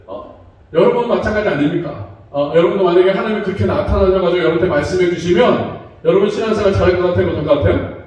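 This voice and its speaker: A pastor preaches a sermon in a church sanctuary, speaking conversationally and performing the voices of people he quotes. His voice is high-pitched, darkish and racing, picked up from far away in a very echoey church hall.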